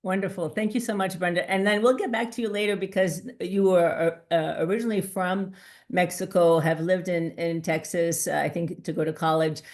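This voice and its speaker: A woman with a fairly low voice moderates a webinar, thanking each speaker and passing the floor to the next. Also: steady tone, fairly quick. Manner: warm, thanking, handing off.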